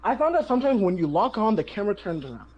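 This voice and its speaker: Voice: mid-range voice, big pitch swings, rapid-fire, darkish tone, breathy edge, lo-fi sound. A host giving casual commentary over their own speedrun, chatty, often laughing and sharing tips.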